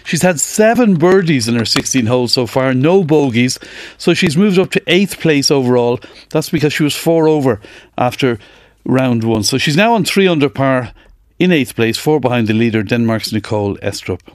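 A man's voice: medium pitch, expressive, normal speed, dry recording. A man with an Irish accent presenting live radio sports news and interviews from a studio.

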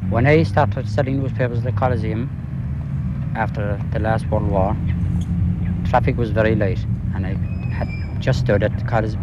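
Man on an old archive recording. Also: lowish voice. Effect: old archive recording from 1966. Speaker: newspaper seller. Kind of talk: interview recollection. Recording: dull lo-fi old tape with loud hiss.

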